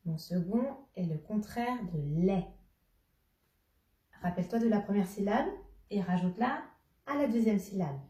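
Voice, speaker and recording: Slow, patient woman teacher in a roomy room. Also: mid-range voice, mellow. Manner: slow, patient, addresses a child directly, repeats clues. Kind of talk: children's lesson, riddles. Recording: roomy, somewhat distant mic.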